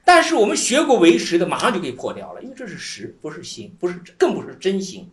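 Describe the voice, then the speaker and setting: A lively Buddhist scripture teacher gives a loose explanatory lecture full of repeated phrases and easy chuckles, his middling-pitched voice swinging up and down. He talks fast, and the recording carries a roomy echo plus a little hiss or hum.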